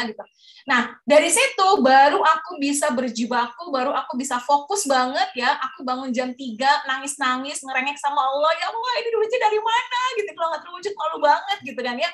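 A woman in her thirties speaks in a high, bright register, telling her listeners about her own goals in a chatty, animated way. She gives a motivational webinar talk over a video call from home.

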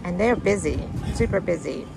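A woman's voice: fairly low pitch, lively intonation, normal speed, gravelly, noisy background. A woman casually vlogging with an upbeat, recommending manner, talking outdoors on a city street. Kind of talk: casual voice-over vlog.

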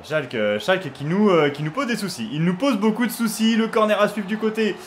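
A young man chatting casually over his football video game, filling gaps with hesitations and shouting with excitement at big moments. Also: high-pitched, fairly quick, a little hiss or hum. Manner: chatty, lots of fillers, bursts of excited shouting on goals. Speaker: gaming YouTuber. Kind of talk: casual gameplay commentary.

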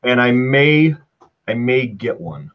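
A man hosting a casual chat about cars, talking in an easygoing, halting way. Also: medium pitch, very animated, muffled recording. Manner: easygoing, halting, many fillers. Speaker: host.

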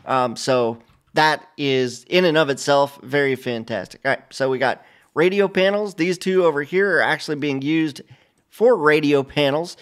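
A middle-aged man hosting a casual flight simulator video, talking over a screen share in a relaxed, rambling way full of fillers and restarts. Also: on the high side, moderate pace, clean tone. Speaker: flight sim channel host. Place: home studio, indoors.

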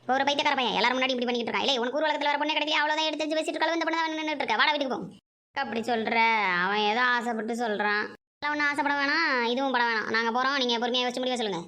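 A woman's voice: high-pitched, very fast, pushed and bright. Woman playing a bossy scolding grandmother. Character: bossy, quarrelsome older grandmother. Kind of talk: comedy skit acting.

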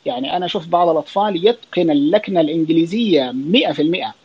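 A man with a Saudi accent, a child psychiatrist, answering listener questions in a relaxed spoken Q&A, explaining with fillers and quick restarts. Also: on the high side, breathy edge, muffled recording. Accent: Saudi Arabic. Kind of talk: casual spoken Q&A on an online audio space.

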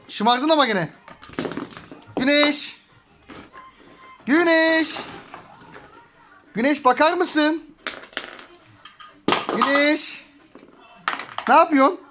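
A woman filming her small daughter, talking in a playful, repetitive, gently scolding way. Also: high voice. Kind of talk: playful coaxing talk to a small child.

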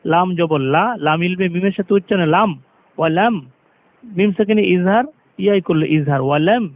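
Man, high voice, recitation teacher, patient step-by-step explanation, tinny phone-like sound. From Bangladesh. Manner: explains rules, then chants verses slowly and drawn out.

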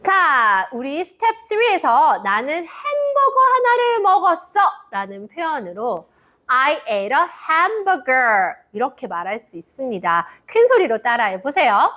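A woman teacher with a high, lively voice leads a children's English lesson in a sing-song manner. She speaks at an unhurried pace and draws out each English phrase slowly.

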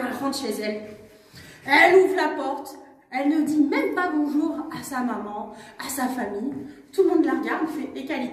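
A woman storyteller telling a children's story with animated exclamations. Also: sits high. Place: museum. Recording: echoey room from far off.

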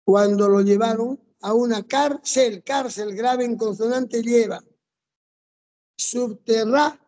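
A classroom teacher with a warm, mellow tone who talks at a slow, deliberate pace. The teacher lays out each rule in order and keeps asking the students for answers. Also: mid-range voice, fairly even intonation. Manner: methodical, drills rules step by step and quizzes students. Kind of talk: classroom lesson.

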